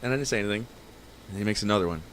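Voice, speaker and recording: A man's voice: lowish voice, racing, a little hiss or hum. A man hosting a podcast, telling a story in casual chat. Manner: animated storyteller, acting out quotes. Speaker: podcast host.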